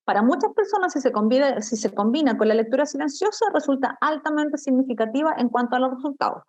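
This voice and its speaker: A woman's voice: high-pitched, fast, a little mellow. A middle-aged woman with a Chilean accent, giving a lesson on study techniques and often checking in with her students. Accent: Chilean Spanish. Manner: explanatory, addresses students directly with frequent checks. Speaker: teacher. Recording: dull lo-fi recording.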